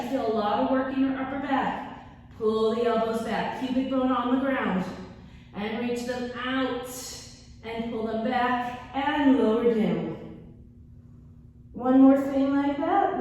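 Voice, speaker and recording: A woman's voice: on the high side, darkish tone. A woman teaching Pilates as an instructor, cueing and counting movements in short commands. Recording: echoey hall, distant mic, faint noise.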